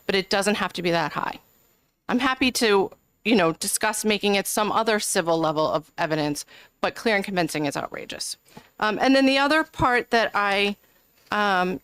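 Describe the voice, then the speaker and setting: In a clean recording with no room sound, a woman with a mid-range, fairly bright voice presents an amendment at a committee hearing. She is a legislator giving testimony, arguing her case earnestly and filling her speech with frequent ums.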